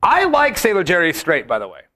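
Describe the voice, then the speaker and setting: A man with a Southern California accent co-hosts in casual, chatty fashion. His voice sits fairly high and moves around a lot in pitch as he talks. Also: wildly swooping pitch, brisk, bright, forceful tone. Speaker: talk show co-host. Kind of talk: casual chat.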